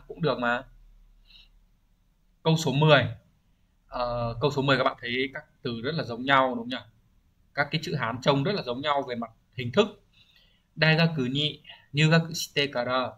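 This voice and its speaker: A man's voice: medium pitch, bright, forceful tone. A man teaching an exam-prep vocabulary lesson, explaining each answer and often checking understanding with rhetorical questions. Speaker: Japanese language teacher.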